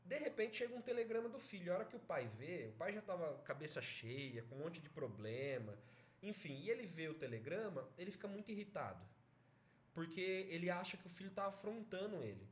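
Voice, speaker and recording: Brazilian man teaching an online writing class, high animated voice, chatty explanations, echoey room with faint noise. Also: brisk. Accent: Brazilian Portuguese. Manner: explanatory, chatty, checks in with students.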